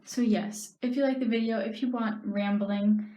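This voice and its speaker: A young woman vlogging casually while doing her makeup, rambling with quick self-mocking asides. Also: fairly high pitch, fairly even intonation, mellow, highs cut off. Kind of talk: rambling makeup vlog chat. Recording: echoey room with faint noise.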